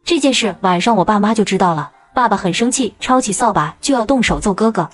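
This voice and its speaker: A woman narrating a cartoon story in a brisk, dramatic storytelling way. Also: mid-range voice, lively intonation.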